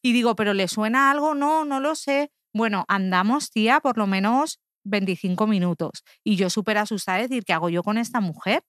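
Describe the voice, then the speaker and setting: A young woman, telling an animated story as a guest on a podcast and laughing often. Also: medium pitch, a little fast, hardly any pauses, dry recording, clean studio sound. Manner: animated, laughing, quotes people in voices, says "tía" a lot. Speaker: guest contributor. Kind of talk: casual podcast chat, storytelling.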